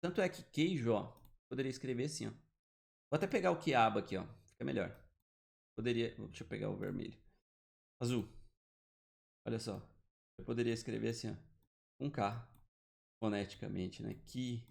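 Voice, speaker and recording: A man's voice: mid-range voice, moderate pace, creaky, pauses often. A man giving an online grammar lesson, explaining step by step and often checking in with the listener. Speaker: teacher. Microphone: computer mic, drawing with the mouse.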